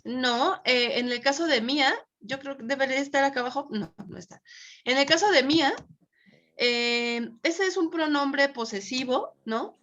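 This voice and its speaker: A woman's voice: high-pitched, normal speed, fairly bright tone. Patient woman teaching Spanish. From Mexico. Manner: patient, checks understanding often. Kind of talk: online class lecture. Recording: dull lo-fi audio.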